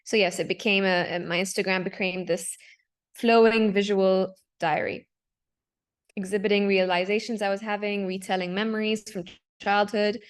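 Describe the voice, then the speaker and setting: A woman's voice: mid-range voice, level tone, normal speed, clean tone. A young adult woman, a digital artist from Palestine who grew up in Dubai, casually presenting her artwork on a video call with fillers and self-corrections. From Palestinian, raised in Dubai. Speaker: panel speaker, digital artist.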